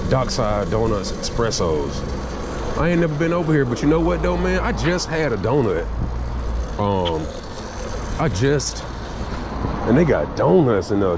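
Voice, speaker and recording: A laid-back man chats casually to his viewers while out on a minibike ride, full of slang and easy banter. His pitch swings widely up and down as he talks. Loud outdoor noise from traffic and engines runs behind him. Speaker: vlogger host. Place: outdoors around town.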